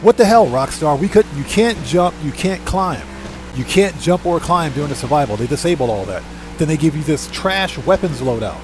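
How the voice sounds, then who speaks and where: Chatty man streaming games, slightly high voice. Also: expressive, moderate pace, music in the background, poor audio. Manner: chatty, repeats himself for emphasis. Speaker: live stream host. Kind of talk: casual live game commentary, chatting with viewers.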